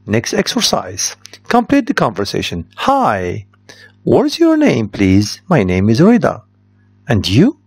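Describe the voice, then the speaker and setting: Lively male teacher, dry sound. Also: mid-range voice, slow, breathy edge, no room sound. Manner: reads answers aloud, switches to Darija to explain. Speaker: English teacher. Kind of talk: test correction lesson.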